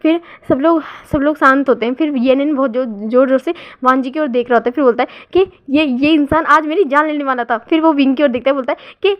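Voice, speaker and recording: Woman storyteller, high pitch, casual improvised retelling, muffled low-fi sound. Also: fast talker, few pauses. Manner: unscripted retelling with frequent restarts and fillers. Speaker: fan fiction narrator. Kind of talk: storytelling narration. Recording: dull lo-fi recording.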